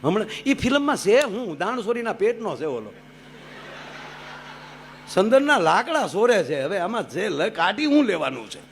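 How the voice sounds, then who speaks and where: A man telling folk stories on stage, lively and joking, switching between voices. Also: high voice, moderate pace, vocal fry, a little hiss or hum. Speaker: folk storyteller. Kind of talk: live humorous folk storytelling.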